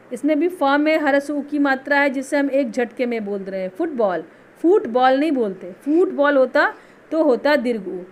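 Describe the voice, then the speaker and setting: Patient woman teaching Hindi spelling. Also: fairly high pitch. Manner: patient, repeats words slowly to stress vowel length. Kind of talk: online school lesson.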